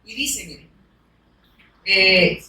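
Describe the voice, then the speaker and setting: A woman's voice: medium pitch, animated, drawn-out words, bright, forceful tone. A woman preaching a sermon to a congregation, speaking emphatically, urging her listeners to look closely and punctuating her points with amen. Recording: echoey room, voice picked up from a distance.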